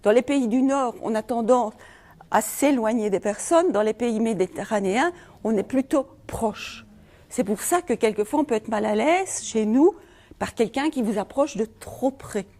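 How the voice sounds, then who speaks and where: Belgian woman lecturing, mellow voice. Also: on the high side, lively intonation, moderate pace. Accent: Belgian French. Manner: rhetorical questions to the audience. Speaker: feng shui speaker. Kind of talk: conference talk.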